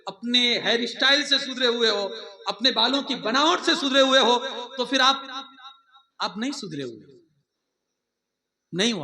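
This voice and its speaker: A man from India giving a lively sermon to students, mixing laughing asides with raised, emphatic lines. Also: very high voice. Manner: animated preaching with laughing asides, raising his voice for emphasis. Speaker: religious teacher.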